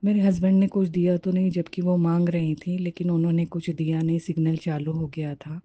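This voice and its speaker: A woman's voice: fairly low pitch, little pitch movement, fairly quick, dry recording, highs cut off. A woman sharing a devotional testimony and fervently repeating her words of thanks.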